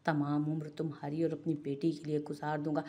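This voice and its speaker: A woman's voice: sits low, completely flat delivery, a little fast, dark tone. A woman voicing a proud landowner husband who speaks in grief and remorse, sobbing as he makes promises.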